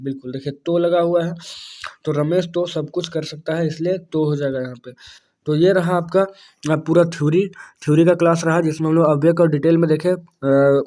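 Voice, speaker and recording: A man with a fairly high voice teaches an exam-prep grammar lesson. He explains patiently, repeats key terms and keeps checking that the listener is following. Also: warm tone.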